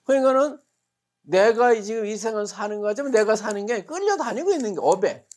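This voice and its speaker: A man's voice: high voice, animated, a little fast, darkish tone. A male Buddhist monk giving a dharma talk, telling it vividly with rhetorical questions and acted-out quotes. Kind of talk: sermon.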